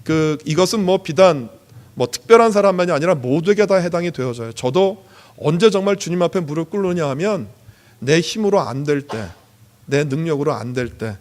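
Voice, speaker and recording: A pastor delivering a sermon, loud and high-toned, speaking earnestly and directly to his congregation. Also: animated, moderate pace. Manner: loud high-toned preaching that drops to quiet asides.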